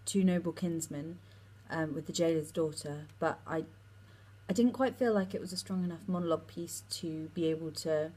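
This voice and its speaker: A woman's voice: fairly low pitch, a little mellow, poor audio. Chatty young drama student, a woman. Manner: chatty, with many ums and quick run-on sentences. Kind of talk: casual talk about her acting class work.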